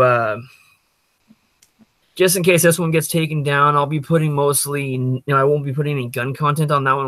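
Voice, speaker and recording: A man hosts a casual livestream, speaking off the cuff and thinking aloud as he reads chat. His medium-pitched voice is a bit bright, with no echo.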